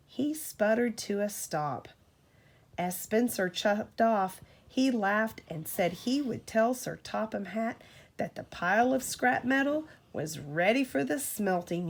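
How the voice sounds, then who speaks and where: This is a woman of medium pitch sharing a storybook with a child, her parental reading slow, measured and full of expression.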